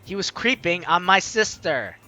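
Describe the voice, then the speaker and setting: A woman hosts a let's play, hamming up the narration and lines and dropping playful ad-libbed remarks. Her lowish voice sounds pushed and bright, animated, at a moderate pace, with the game's music in the background.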